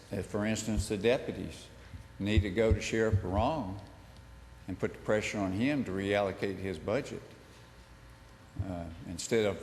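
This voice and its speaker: A man giving public comment at a county meeting, halting with frequent fillers. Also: fairly low pitch. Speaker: member of the public speaking at a meeting. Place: large county commission room. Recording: reverberant hall, faint noise.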